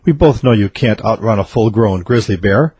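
A man's voice: lowish voice, normal speed, darkish tone, slightly rough, no room sound. A man doing an incredulous biologist. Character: incredulous male biologist up a tree.

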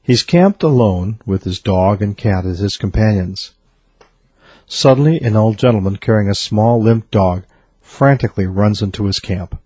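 A man reading a string of jokes aloud in a deadpan way. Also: lowish voice, moderate pace, slightly rough, dry recording. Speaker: joke teller.

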